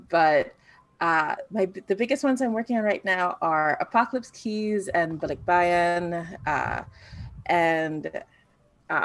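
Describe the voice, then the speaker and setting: A woman's voice: fairly low pitch, no room sound. A woman from the Philippines chatting casually as a guest on a panel, informal and self-deprecating. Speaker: game designer, panel guest.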